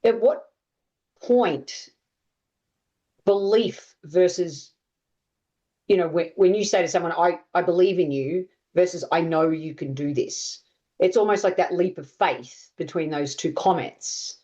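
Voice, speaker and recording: A woman's voice: lowish voice, measured pace, mellow, dull audio. A woman hosting a coaching podcast, asking long, enthusiastic questions of her guest. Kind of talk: interview questions.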